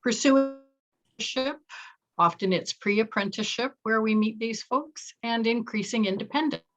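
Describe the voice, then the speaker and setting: A woman's voice: on the high side, moderate pace, poor audio. A woman presenting on a video call, her audio cutting in and out with uneven volume. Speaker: program coordinator presenting.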